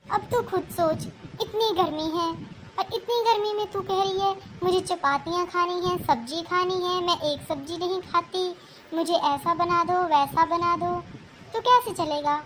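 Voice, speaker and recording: Woman voicing an older cartoon mother-in-law, lectures hard, very high-pitched. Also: unhurried, fairly bright tone, slight background noise. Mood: lecturing. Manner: scolding, lecturing. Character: older scolding mother-in-law, sharp-tongued but fair. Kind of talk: cartoon voice acting.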